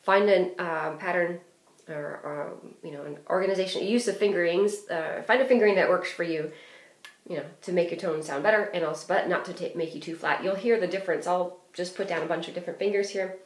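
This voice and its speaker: A woman's voice: lowish voice, brisk. A woman giving a clarinet lesson, explaining phrasing and fingerings in a practical way with frequent fillers. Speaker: clarinet teacher. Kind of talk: instructional music lesson. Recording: roomy echo.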